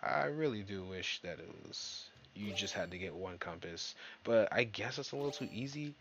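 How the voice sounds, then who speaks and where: A man giving casual, jokey let's-play commentary, excitable and swearing, talking to himself and his viewers. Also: fairly low pitch, normal speed. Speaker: gaming YouTuber. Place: dark room at home.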